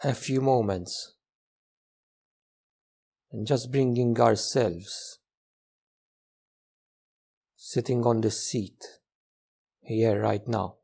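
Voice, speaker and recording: A man's steady mid-range voice, touched by vocal fry and a breathy edge, leads a guided meditation. As the teacher, he speaks gently in short, unhurried phrases and lets long pauses fall between them.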